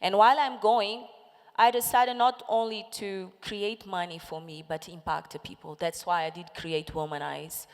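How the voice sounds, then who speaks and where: This echoey recording captures a woman in her forties, Portuguese being her native tongue, speaking as a panelist in a big conference hall. She gives an impassioned, rallying motivational talk and calls questions out to the audience, in a medium-pitched voice with a steady tone and moderate pace.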